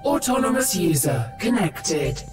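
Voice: mid-range voice, very animated, a little slow, far from the mic, over music. A performer voicing a terse, impersonal computer system in a video game, with formal, clipped robotic announcements. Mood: impersonal, procedural.

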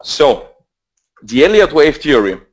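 Slightly high, husky and very animated, this Bulgarian-accented trading mentor in his twenties talks slowly during a live webinar. He uses a headset mic and rambles casually, full of fillers and restarts.

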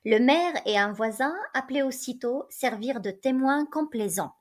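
A woman reading a literary story aloud in a steady, clear storytelling voice. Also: sits high, moderate pace. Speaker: reader.

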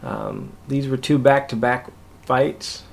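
A man's voice: medium pitch, huge pitch swings, slow, creaky. A man giving casual commentary over a recorded match, explaining each move to his squad in an easygoing way. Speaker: host narrating a squad's match.

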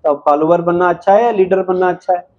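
A man giving a spiritual talk to an audience, asking questions and answering them himself with emphasis. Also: high-pitched. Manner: unhurried, emphatic delivery. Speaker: spiritual speaker. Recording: slightly dull, lo-fi sound.

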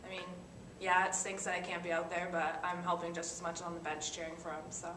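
A woman's voice: lowish voice, little pitch movement, quick pace. A young woman, a college basketball player in her early twenties, speaking matter-of-factly at a postgame press conference. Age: early 20s. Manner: matter-of-fact. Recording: echoey room, distant mic, noise.

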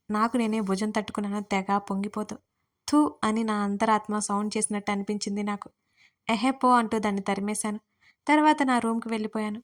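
A young woman narrating her own audio story in the first person, playful and lively. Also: mid-range voice. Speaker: writer and narrator.

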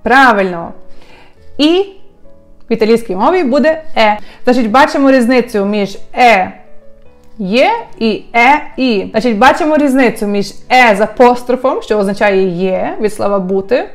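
Woman teaching with slow, clear repetition. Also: fairly high pitch, expressive, soft background music. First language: Ukrainian. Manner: slow, clear, repeating phrases for learners. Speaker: Italian teacher. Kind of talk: language lesson.

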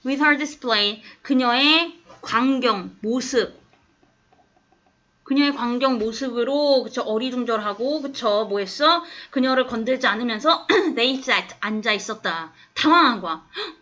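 A woman's voice: on the high side, bright, forceful tone. A woman teacher explaining an English text to a classroom of students, coaxing them and checking often whether they follow. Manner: coaxing, keeps asking the class if they understand. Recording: dull lo-fi classroom recording.

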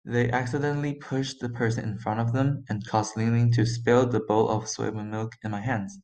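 A teenage boy reads a story aloud in a voice of ordinary pitch. He reads plainly, school-project style. He stumbles now and then and corrects himself. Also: fairly even intonation, normal speed, a little mellow. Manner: plain reading with occasional stumbles. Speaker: student reader.

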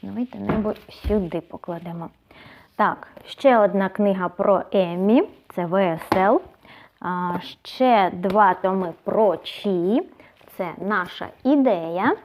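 A woman's voice: medium pitch, slow pace, darkish tone. A woman book blogger in a casual vlog, chatting and thinking aloud as she sorts books. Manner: chatty, thinks aloud, often says "so" between items.

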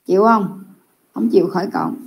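Patient woman teacher explaining slowly. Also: mid-range voice, huge pitch swings, gravelly, muffled recording. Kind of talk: online Japanese class correction.

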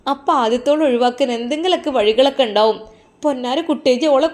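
A woman's voice: high-pitched, fast, a little mellow, natural voice. A woman voicing a protective, indignant middle-aged mother in a storybook tale, scolding and comforting, with a Malappuram Malayalam accent.

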